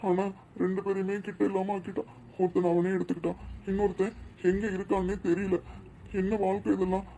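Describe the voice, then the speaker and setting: A weary old grandfather in a cartoon drama, voiced by a man speaks in a flat, quick, raised voice. He sounds soothing and mournful. Faint hiss sits under the track. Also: sits high. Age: older.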